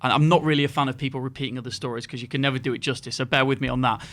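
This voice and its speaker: A man's voice: mid-range voice, steady tone, rapid-fire, fairly bright tone. A man hosting a football podcast, telling a long anecdote in a chatty, rambling way. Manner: chatty, rambling storyteller with frequent fillers. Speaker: podcast host. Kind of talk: casual chat and anecdote telling.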